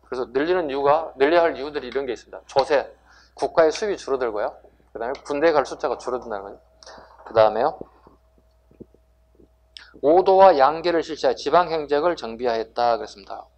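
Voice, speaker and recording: A man's voice: medium pitch, a little mellow. A man teaching history to exam students in a classroom lecture, asking rhetorical questions and answering them himself with emphasis.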